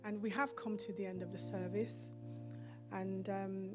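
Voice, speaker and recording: A woman's voice: mid-range voice, level tone, a little slow. Woman praying fervently over music. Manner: fervent, repetitive praying, rising in intensity. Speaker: church minister closing the service. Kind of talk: prayer. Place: church hall stage. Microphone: handheld mic.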